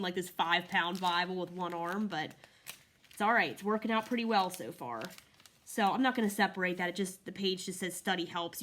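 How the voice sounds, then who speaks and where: A woman's voice: medium pitch, fairly bright tone. A woman in a casual, chatty product review, walking through pages as she talks. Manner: friendly, chatty, walks through pages while talking. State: slightly out of breath. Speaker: Bible reviewer.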